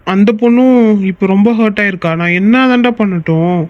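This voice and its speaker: A man voicing a fast, high young peacemaker. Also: highs cut off, close to an everyday voice. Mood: pleading. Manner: pleading, reasoning. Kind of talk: Tamil cartoon voice acting.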